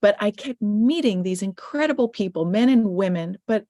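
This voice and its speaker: A woman's voice: medium pitch, lively intonation, moderate pace, warm tone, dry recording, clean studio sound. A middle-aged woman, a filmmaker answering questions in an online panel, speaking thoughtfully and restarting phrases. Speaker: guest filmmaker.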